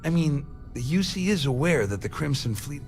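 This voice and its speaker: A man's voice: fairly high pitch, animated, normal speed, darkish tone. A man playing a bitter, vengeful crook in a video game, talking in a slangy, cynical way. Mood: wary, bargaining. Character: bitter, vengeful male crook cutting a deal. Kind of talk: video game dialogue acting. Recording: music behind the voice.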